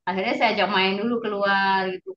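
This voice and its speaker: A woman's voice: mid-range voice, steady tone, fast, a bit bright. A woman, a parent, chatting casually about her child with many fillers, heard off-mic. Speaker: guest parent. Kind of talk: casual chat. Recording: roomy, dull, off-mic.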